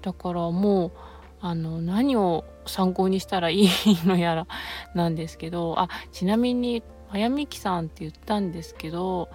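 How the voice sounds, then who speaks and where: A woman's voice: fairly low pitch, normal speed, mellow. A cheerful woman chats on her own as host of her channel. She rambles through fillers and restarts and keeps laughing at herself. Faint music plays underneath. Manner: chatty, laughs often, self-deprecating. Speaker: yoga teacher and channel host. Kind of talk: casual solo chat.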